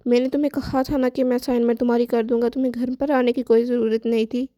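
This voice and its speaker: A woman reads as a proud teenage schoolboy in a storybook, curt and easily irritated. The voice sits high and even, with a mellow tone. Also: quick pace, no room sound, clean studio sound, close to an everyday voice. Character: angry proud teenage boy student.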